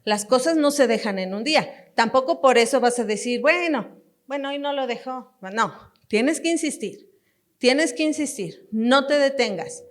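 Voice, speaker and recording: A woman's voice: high-pitched, lively intonation, moderate pace. A woman pastor teaching parents in a sermon, repeating her points emphatically and speaking straight to them. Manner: emphatic and repetitive, addressing parents directly with light laughter.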